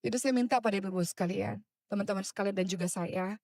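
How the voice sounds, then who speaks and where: A woman in her thirties giving an impassioned religious talk to women, with rhetorical questions, swinging between hushed and loud. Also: mid-range voice, quick pace, vocal fry, no echo, studio quality. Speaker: preacher.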